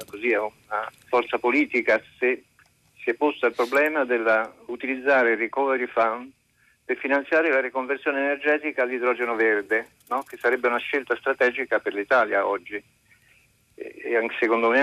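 A man's voice: mid-range voice, pushed and bright, no echo, low-quality recording. A man from central Italy calling in by phone to a radio show, explaining his question at length in an earnest way, often stopping and restarting his sentences. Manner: earnest, long-winded explaining with frequent halting restarts. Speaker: caller.

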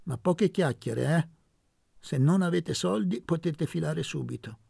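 A woman's voice: deep voice, expressive, measured pace, gravelly, slightly rough, no room sound, clean studio sound, voice pushed up, exaggerated voice. A man voicing a coarse older woman who runs a brothel, brusque and scolding in an audiobook reading. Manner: brusque, scolding, sharp-tongued.

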